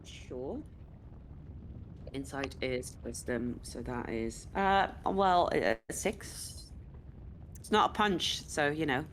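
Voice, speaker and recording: A woman's voice: low-pitched, slow, a little hiss or hum, low-quality recording. A woman playing a tabletop game, blunt and casual, swearing easily. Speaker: player.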